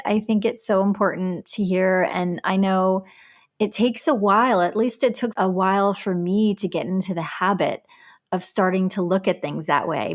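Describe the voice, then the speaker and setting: A woman hosting a podcast interview, responding with affirming remarks and gentle repetitions in casual chat. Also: medium pitch. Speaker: podcast host.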